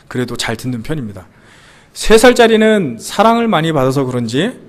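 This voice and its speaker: A man in his thirties preaching a sermon in a church, asking the congregation questions and telling stories about his young sons. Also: fairly high pitch. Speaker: pastor. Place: church sanctuary.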